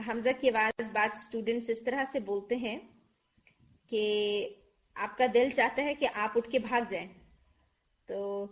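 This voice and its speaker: A woman's voice: on the high side, muffled recording. Patient woman teaching tajweed. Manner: patient, explains slowly, mixes English words into Urdu; demonstrates letter sounds aloud. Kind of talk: online lesson.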